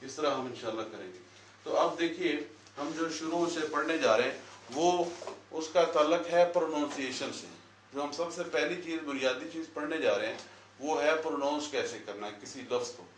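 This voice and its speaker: Heard from far away in an echoing classroom, with slight background noise, a man runs a Quran lesson at the whiteboard. Speaking at normal speed in a fairly high voice, he quizzes the class and says their answers back to them.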